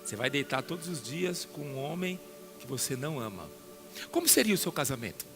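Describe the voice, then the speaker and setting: A Brazilian pastor with a Brazilian Portuguese accent preaching a sermon to a congregation, questioning listeners by name and building to loud emphatic peaks. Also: male voice, mid-range voice, sing-song, a little fast, over music. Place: church hall.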